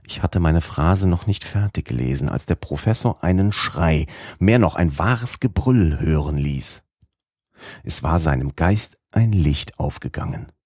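Guy reading an audiobook, really deep voice, measured and even, dry close sound. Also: no echo. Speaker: audiobook narrator. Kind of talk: scripted first-person novel reading.

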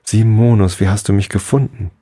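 A man's voice: deep voice, normal speed, gravelly, mellow, breathy edge, dry recording, full character voice. A man voicing a curious, earnest young boy in a bedtime story reading. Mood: wondering.

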